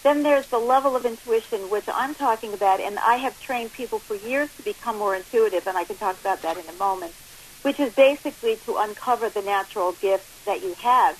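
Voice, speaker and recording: A woman's voice: mid-range voice, a little fast. A woman in her late sixties giving an emphatic, explanatory interview over the phone as a guest counselor. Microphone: telephone. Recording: hissy, noisy phone line.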